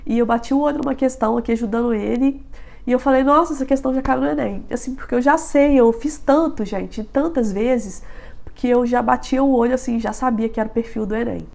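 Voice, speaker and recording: Sitting in a small bedroom, a young woman in her twenties vlogs study tips to camera, chatty and full of filler tags, hands moving animatedly. Her voice is a little high, a little fast and gravelly, and sounds nasal and congested from a head cold.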